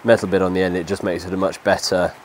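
With a low voice and flat, fast delivery, a man in his thirties explains a DIY project step by step, his nose stuffy from a cold. It's a casual how-to vlog shot outdoors under a shelter in the rain. Light rain noise sits behind his lapel mic audio.

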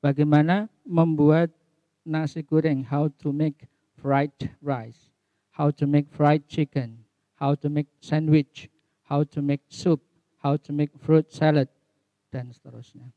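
A middle-aged man, teaching an English lesson online and slowly repeating phrases with their translations. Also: a little high, fairly even intonation, no room sound, dull audio.

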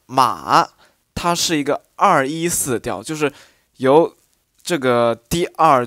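A man teaching a lesson on dialect tones at an even, middling pitch. He explains step by step and stretches out single syllables to show each tone. The recording is dry, with almost no room sound. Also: dry recording.

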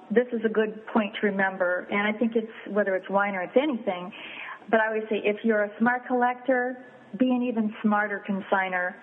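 A woman appraiser answering interview questions in a measured, explanatory way, listing points step by step, heard over a phone line. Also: medium pitch. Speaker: fine art and wine appraiser, guest. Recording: tinny phone line with faint hiss.

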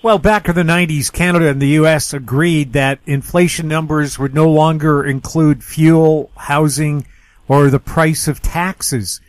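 A man's voice: fairly high pitch, steady tone, measured pace, no echo. A man hosting a radio interview and asking questions plainly. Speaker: radio show host.

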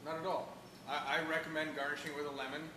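Man in his thirties, relaxed brewery guest talking at a bar; slightly raised pitch, roomy echo, steady hum behind. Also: fast talker. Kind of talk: casual chat. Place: bar with bottle shelves, indoors.

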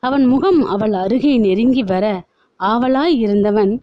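A woman reading a novel aloud in steady, even narration. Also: a little high, slow pace, lo-fi sound.

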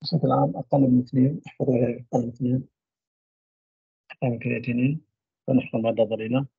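A man giving a university radiology lecture, trailing off mid-phrase into drawn-out fillers. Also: medium pitch, steady tone, creaky, husky, no echo. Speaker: medical lecturer. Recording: dull lo-fi dry recording.

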